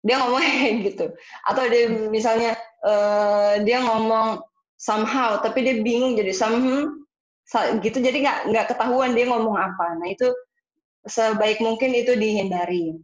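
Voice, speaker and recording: A woman's voice: fairly high pitch, normal speed. A woman from Indonesia, an IELTS speaking teacher, explaining a lesson in a casual way, with hesitations and English terms mixed in. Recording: echoey room, dull sound.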